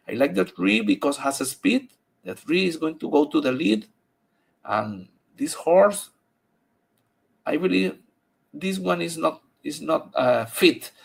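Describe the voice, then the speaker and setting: Male handicapper, native Spanish speaker with Spanish accent. Heavy fry and husky tone, halting but emphatic delivery of race picks. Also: medium pitch. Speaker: horse racing handicapper. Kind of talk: unscripted race-by-race picks commentary.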